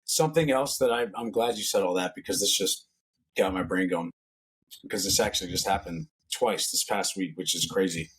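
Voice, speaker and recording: A man guesting on a podcast, rattling off loose, slangy stories at a quick clip. His voice has a husky edge. He sounds like a personal trainer chatting casually. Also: low voice, fairly bright tone. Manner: fast, loose, slangy storytelling.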